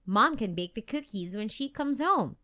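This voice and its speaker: A woman's voice: a little high, expressive, normal speed, sharp tone. A woman voicing a plucky, bragging little girl in a children's storybook read-aloud, with a bouncy, chirpy delivery. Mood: cheerful.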